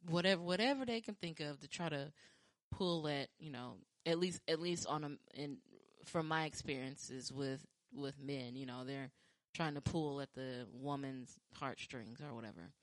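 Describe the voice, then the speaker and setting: Woman, low and mellow, casual rambling chat with restarts, dry close sound. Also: normal speed, few pauses, dry recording. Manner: rambling, with frequent restarts and filler; acts out quoted lines with lively pitch jumps. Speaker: podcast talker sharing dating stories.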